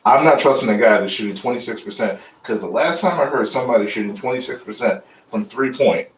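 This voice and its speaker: A man's voice: mid-range voice, fast talker, echoey room, recorded from a distance, low-quality recording. Laid-back man co-hosting sports radio. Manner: laid-back, agreeable, opinionated. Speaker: radio show co-host. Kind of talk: casual sports radio chat. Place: radio studio.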